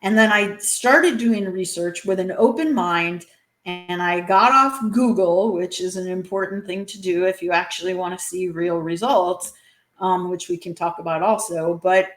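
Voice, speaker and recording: A woman's voice: fairly low pitch, a little slow, reverberant. A woman being interviewed as an author, talking earnestly, with many fillers and restarts. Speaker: guest author. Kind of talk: interview conversation.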